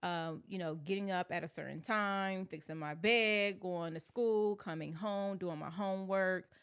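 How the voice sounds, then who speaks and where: A young woman raised in North Carolina speaks as a podcast guest. Her voice is smooth and resonant and sits a little low. She tells her story in an upbeat way, with many "um"s along the way. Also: unhurried, a bit bright. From born in Alabama, raised in North Carolina. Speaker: guest, sports PR manager. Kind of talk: casual interview chat.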